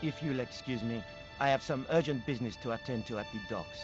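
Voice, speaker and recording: Guy doing a smooth polite professor, cagey, formal, music behind dull audio. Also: mid-range voice, a little fast, close to an everyday voice. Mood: evasive. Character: suave middle-aged male professor, evasive.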